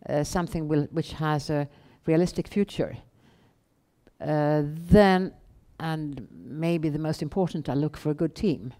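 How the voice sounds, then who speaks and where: A middle-aged woman with a Swedish accent, answering questions on stage in a measured, halting way with pauses. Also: low-pitched, mellow. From Sweden. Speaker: guest, bank founder and chief executive. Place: indoor event room on a small stage. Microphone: headset.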